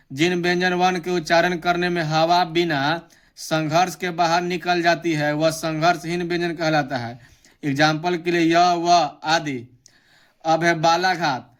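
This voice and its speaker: A man's voice: a little high, fairly bright tone. Young man teaching grammar for exams. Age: young adult. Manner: reads definitions slowly, repeating them. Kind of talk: exam-prep grammar lesson.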